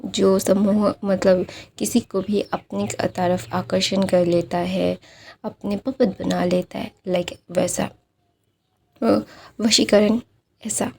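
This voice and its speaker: A woman's voice: mid-range voice, flat delivery, slow pace, gravelly, a little mellow, a little hiss or hum. A woman casually retelling a fan story in a chatty, repetitive, hesitant way.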